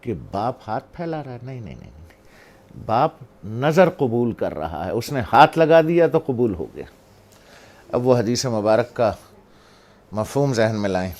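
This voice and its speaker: A man giving a religious storytelling talk on respecting parents, animated, moving from soft asides to loud, emphatic points. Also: medium pitch. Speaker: religious speaker.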